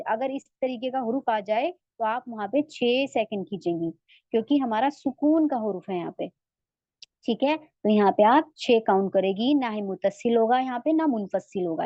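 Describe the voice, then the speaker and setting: A woman's voice: a little high, no echo, highs cut off. A woman with an Urdu accent teaching a Quran recitation lesson online, patiently asking her students whether they follow and stretching out the sounds she demonstrates. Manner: patient, asks checking questions.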